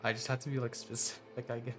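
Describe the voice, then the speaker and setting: A young man streaming a game, talking casually with chuckles and halting fillers. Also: medium pitch, flat delivery, music in the background. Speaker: developer and streamer. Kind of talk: casual live stream chat.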